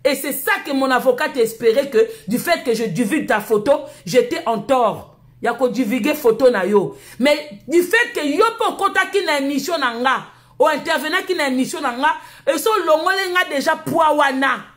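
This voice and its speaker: A woman's voice: sits high, lively intonation, normal speed. A woman from Congo with a Congolese French accent, hosting her live stream in a heated, scolding rant full of insults. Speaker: livestream host. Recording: echoey room.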